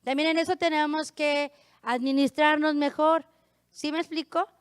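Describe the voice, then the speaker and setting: A woman pastor with a northern Mexican accent preaching a sermon, hoarse and pushing her voice out, often asking her congregation "right?". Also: high voice, level tone, normal speed, dry recording, clean studio sound. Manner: raises her voice to be heard, frequent rhetorical "¿verdad?".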